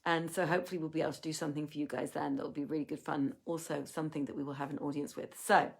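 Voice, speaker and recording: A woman hosting an online reading, telling an old tale in measured storytelling style, then signing off casually to viewers while tired. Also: low-pitched, steady tone, vocal fry, breathy edge. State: tired, yawning. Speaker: host and reader. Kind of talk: reading a classic tale aloud.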